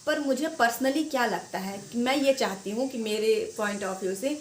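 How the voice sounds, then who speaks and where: A woman's voice: fairly high pitch, normal speed, roomy sound, a little hiss or hum. A woman giving informal exam advice to students, chatty and repetitive, restarting her sentences often. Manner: chatty, repeats herself, many restarts. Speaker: exam preparation guide.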